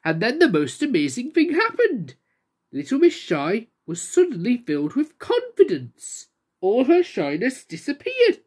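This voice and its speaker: Lively woman reading a children's book. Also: on the high side, unhurried. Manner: expressive, voicing characters. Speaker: storyteller.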